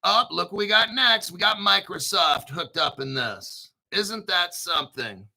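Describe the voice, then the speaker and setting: A man hosting an informal crypto commentary, talking through articles in an excitable, sarcastic way, swearing and often clearing his throat. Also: sits high, a little slow. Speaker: crypto video host.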